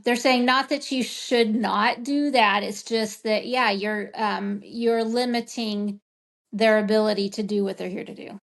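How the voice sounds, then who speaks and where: A woman's voice: medium pitch, fairly even intonation, measured pace, gravelly. A woman in a casual group conversation, talking in a meandering, reflective way with many fillers. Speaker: medium in group session.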